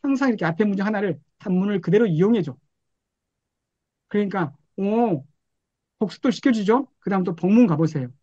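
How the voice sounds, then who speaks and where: A man's voice: high-pitched, expressive, a little fast, pauses often, warm tone, no room sound. A man teaching an online class over a video call, chatty, often acting out the prompts he types to an AI. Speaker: professor giving an online lecture. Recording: dull, dry video call audio.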